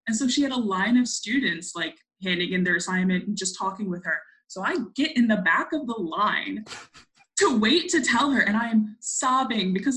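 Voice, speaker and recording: Giggly young woman, bright voice. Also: mid-range voice, poor audio. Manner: giggly, self-deprecating. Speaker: guest. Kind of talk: casual storytelling chat.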